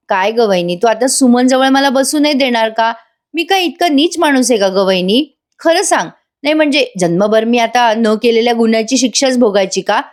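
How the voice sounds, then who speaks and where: A woman's voice: a little high, voice pushed up, lightly acted. A woman voicing a scheming middle-aged husband who pleads and coaxes in a wheedling tone.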